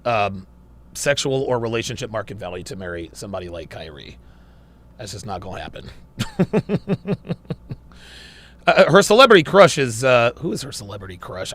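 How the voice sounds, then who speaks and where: A livestream host reads super chats aloud in a casual, laughing, wry manner, his voice a little strained as it gives out. He speaks in a mid-range, fairly bright voice, and the recording has no echo.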